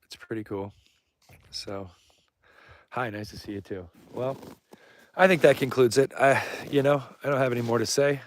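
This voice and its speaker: A man's voice: mid-range voice, moderate pace, long pauses. A man speaking in a casual, rambling live vlog, informal and self-deprecating, drifting between thoughts as he goes. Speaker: filmmaker live-streaming as a vlogger. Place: outdoors on snow and ice at an Antarctic camp. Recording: clear outdoor background noise.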